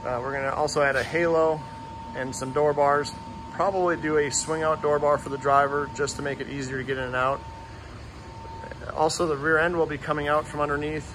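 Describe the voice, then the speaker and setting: A man who owns a fabrication shop, casually narrating a walkthrough of his projects, talking plainly with many pauses and fillers. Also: fairly high pitch, fairly even intonation, background noise. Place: large metal fabrication shop.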